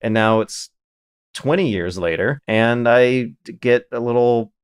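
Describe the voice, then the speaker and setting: A man in his thirties, a podcast host telling animated stories in casual chat. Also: medium pitch, unhurried, clean tone. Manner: animated storytelling, reads listener questions aloud.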